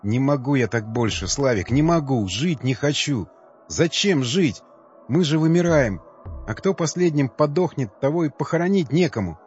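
A man voicing a despairing, worn-out young male survivor who speaks low and heavy. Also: lively intonation, moderate pace, darkish tone, faint music behind, close to an everyday voice. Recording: dull, slightly lo-fi dry recording.

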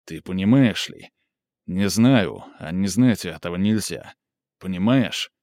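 Guy reading a troubled young man, low voice, brooding and intense, audiobook. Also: a little slow, darkish tone, no room sound, studio quality.

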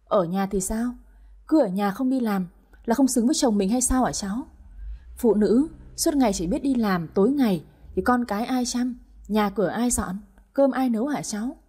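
Brief: woman doing a composed older wife, dark husky tone, steady rebukes. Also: on the high side. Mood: calm reproach. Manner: calm, measured, firmly reproachful. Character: older wife, calm, firm and reproachful.

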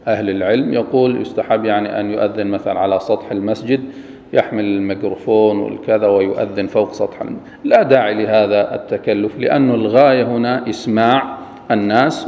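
A man teaching Islamic law, reading a line of text slowly and then explaining it plainly. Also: on the low side, mellow, long reverb tail. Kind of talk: recorded lecture explaining a text.

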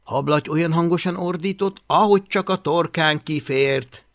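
A man narrating a children's adventure audiobook with an expressive, animated reading. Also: fairly high pitch, no echo, studio quality. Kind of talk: storytelling narration.

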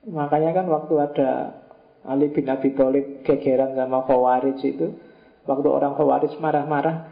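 A man's voice: medium pitch, fairly even intonation, normal speed, vocal fry. A man giving a casual philosophy lecture, chatty and joking, with rhetorical questions. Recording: roomy, dull lo-fi lecture recording.

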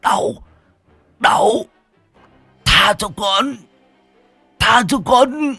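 A man's voice: extremely high pitch, very slow, creaky, sharp tone, dry recording, faint music behind, pitched above the performer's own voice, heavily acted. A male storyteller voicing a dying older man in agony, pleading with a spirit in wails and ragged whispers. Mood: screaming. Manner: wailing, pleading, breaking into whispers. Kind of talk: storytelling performance.

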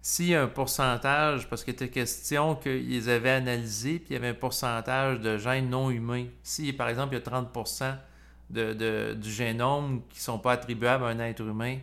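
A man, leading a casual discussion in a measured, hesitant way with frequent pauses. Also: medium pitch, steady tone, fairly bright tone. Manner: measured, hesitant, restarts with "euh".

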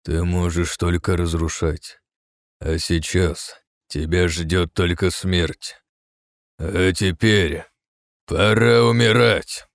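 A man voicing a cold male archmage assassin who speaks quietly, slowly and flatly. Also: deep voice, no room sound, studio quality. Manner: quiet, slow, flat threats.

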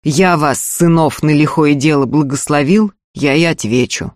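A man reading an audiobook, voicing a stern, hot-tempered older peasant father who scolds in loud bursts. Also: fairly high pitch, moderate pace, no echo, clean studio sound, close to an everyday voice. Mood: fierce.

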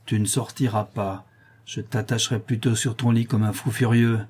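A man's voice: lowish voice, steady tone, moderate pace, a little mellow, breathy edge. A man voicing a stern male accomplice who gives firm warnings and later falters as he weakens.

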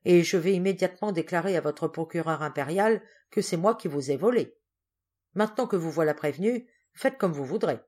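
A woman's voice: lowish voice, lively intonation, fairly quick, a little mellow. A woman reading the part of an impassioned young man pleading with his father, in a fervent, declamatory way. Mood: indignant.

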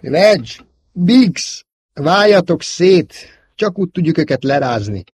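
A man voicing a bold young male rebel fighter pilot who shouts urgent commands. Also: medium pitch, animated, husky, dry recording, voice pushed up. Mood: urgent commanding.

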